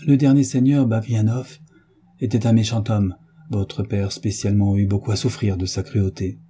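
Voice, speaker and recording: A man voicing an elderly, grey-bearded village priest who speaks gravely with a melancholy tone, in an audiobook reading. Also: on the low side, level tone, normal speed, dark tone.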